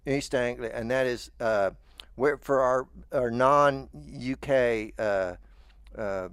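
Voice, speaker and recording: A man's voice: mid-range voice, slow, fairly bright tone, clean tone, dry recording, clean studio sound. An American man chatting casually as a show host, rambling and stammering through restarts. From United States. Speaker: podcast host. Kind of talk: casual chat.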